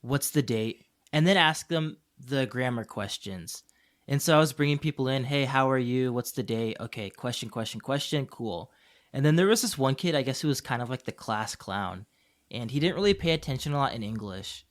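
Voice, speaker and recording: A man co-hosting a casual podcast, an English teacher who tells classroom stories with lively acted-out dialogue. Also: mid-range voice, moderate pace. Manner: animated storyteller, acts out dialogue.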